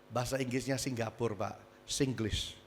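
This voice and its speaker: A male pastor preaching a sermon, swinging between loud emphasis and quiet asides. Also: mid-range voice, steady tone, moderate pace, slight background noise. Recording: church hall with reverb.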